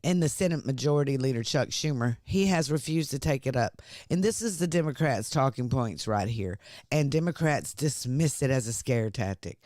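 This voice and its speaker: A man's voice: medium pitch, expressive, moderate pace, a little mellow, no room sound, studio quality. Man co-hosting a podcast. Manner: conversational, reads news items aloud. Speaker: podcast co-host. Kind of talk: political talk podcast.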